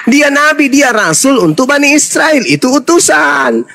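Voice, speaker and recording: A man's voice: very high voice, expressive, unhurried, gravelly, sharp tone, slight background noise. A man, an Islamic preacher, in a heated interfaith debate, lecturing insistently and talking over the other man.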